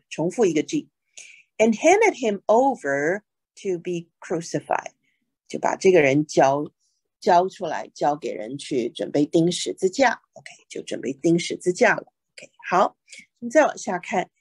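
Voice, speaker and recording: A woman teaching a Bible lesson in two languages. She reads English verses slowly and then explains them, with frequent "OK" fillers. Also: on the low side, sing-song, darkish tone, husky, dry recording.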